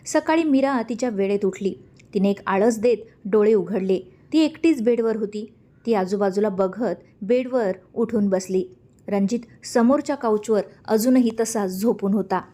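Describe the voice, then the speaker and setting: Woman story narrator, warm, mellow tone, calm steady reading. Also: medium pitch, measured pace.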